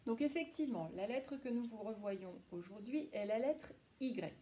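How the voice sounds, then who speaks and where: A woman teaching a class lesson to young children, speaking slowly and clearly and praising pupils by name. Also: a little high, lively intonation, dark tone, a little hiss or hum. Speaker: primary school teacher.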